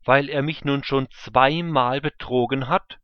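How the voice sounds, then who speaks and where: A man reading scripture aloud, voicing a bitter grown son who cries out and pleads loudly with his father. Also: medium pitch, steady tone, a little slow, no echo, dull audio, pitched above the performer's own voice, natural voice.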